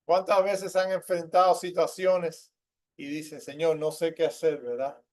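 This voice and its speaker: A man delivers a sermon to a church congregation in a high voice, often checking in with questions. He rises in pitch and volume when he drives a point home. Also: flat delivery, unhurried, a little mellow. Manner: asks the congregation questions, tags lines with ¿verdad?. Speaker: preacher.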